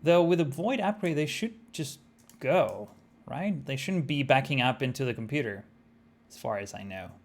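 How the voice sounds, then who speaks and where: Live-streaming gameplay, a young man from Argentina talks loosely with his audience in an Argentine Spanish accent, filling his thinking-aloud with lots of fillers. He sounds expressive, with a mid-range voice and a moderate pace.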